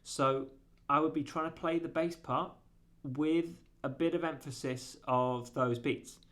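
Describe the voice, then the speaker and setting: A man's voice: fairly high pitch, fairly even intonation, measured pace, fairly bright tone. Rambling man teaching guitar. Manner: rambling, self-correcting, hesitant with fillers. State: has the hiccups. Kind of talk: casual spoken lesson.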